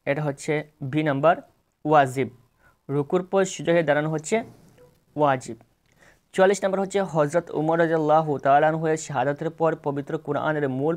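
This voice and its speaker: A man with a Bangladeshi Bengali accent, working as an exam tutor, reads multiple-choice questions and answers aloud in a plain, steady way, correcting himself now and then. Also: fairly high pitch.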